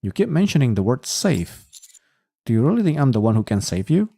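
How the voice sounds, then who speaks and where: A man reading a calm, reassuring commander. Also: medium pitch, fairly quick, gravelly, dry recording. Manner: steady, reassuring.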